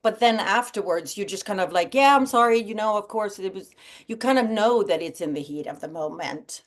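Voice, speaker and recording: A middle-aged woman from Sweden, a podcast guest in casual chat, friendly and quick to laugh, with many fillers. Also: medium pitch, animated.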